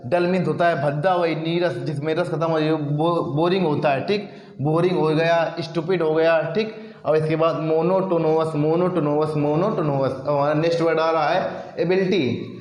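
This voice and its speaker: A man teaching exam vocabulary, spelling English words letter by letter and repeating them in a drawn-out, sing-song chant. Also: on the high side, fairly even intonation, darkish tone. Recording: echoey room with long reverb.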